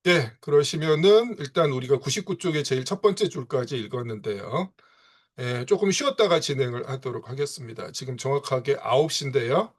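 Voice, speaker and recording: A man's voice: mid-range voice, expressive, fairly quick. A man giving an online seminar lecture, dropping frequent fillers and asking rhetorical questions as he explains. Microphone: video call.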